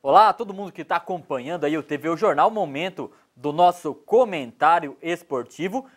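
A man in his thirties, a sports commentator, talking through results in a small TV studio on a lapel mic, brisk and informal with many fillers. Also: on the high side, expressive.

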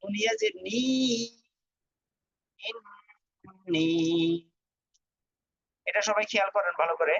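Male teacher with a high voice, dry dull lo-fi sound, chants letter-by-letter spelling drills. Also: racing, creaky, few pauses, dry recording. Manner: spells out letters and vowel marks in a steady chant, then reads the whole word. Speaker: Quran reading teacher. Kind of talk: spelling-out recitation lesson.

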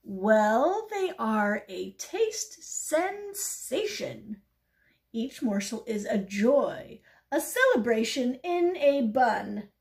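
A woman voicing a possessive, hot-tempered male pigeon from a picture book, with drawn-out, theatrical emphasis. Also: a little high, big pitch swings, vocal fry, darkish tone, exaggerated voice. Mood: grandly rapturous. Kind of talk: children's picture-book character voice.

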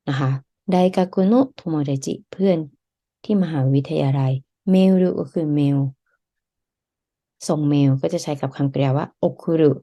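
A woman's voice: low voice, dark tone. A woman teaching a language lesson online, explaining step by step in a patient, polite way.

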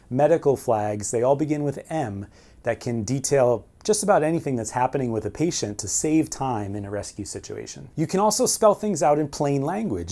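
A man in his forties teaches in a steady, methodical way, with a mellow, relaxed voice of middle pitch. He explains step by step and drops in a filler now and then. He is recorded from a short distance in an indoor room. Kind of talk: educational explainer video. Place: indoor room before a whiteboard and framed ship painting. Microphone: camera at medium distance.

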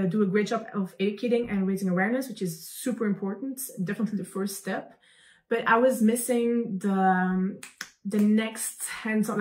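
Speaking from a room in her home, a young founder from Belgium is interviewed as a guest on a video call. Her medium-pitched speech is animated and full of fillers and restarts.

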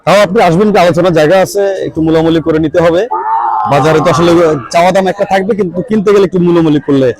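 A man records a walking vlog in a crowded outdoor cattle market during heavy rain. His voice sits a touch high as he chats with sellers about prices and turns to address his viewers. Busy crowd chatter surrounds him the whole time. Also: very fast, low-quality recording. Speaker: vlogger touring a cattle market.

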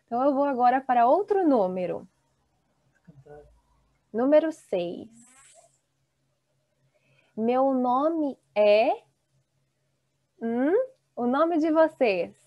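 A woman in her thirties teaching an online Portuguese class, slowly and encouragingly reading out students' chat replies. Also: sits high, lively intonation, dry recording. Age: 30s. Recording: dull, dry video-call audio.

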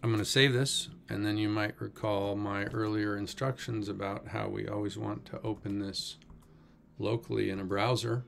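A man's voice: fairly low pitch, steady tone, normal speed, creaky, fairly bright tone, soft background music. A man teaching a coding tutorial in a casual, wry way, thinking aloud with many fillers. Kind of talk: screen-recorded coding tutorial.

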